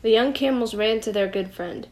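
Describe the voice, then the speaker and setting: A middle-aged woman reading a children's storybook aloud at home, gently and expressively. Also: a little high, moderate pace. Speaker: storybook reader.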